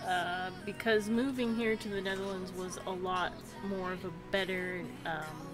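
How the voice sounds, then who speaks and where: A woman's voice: fairly low pitch, steady tone, measured pace. Casual woman live streamer over music. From United States. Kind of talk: casual live stream chat while gaming. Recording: music playing behind the voice.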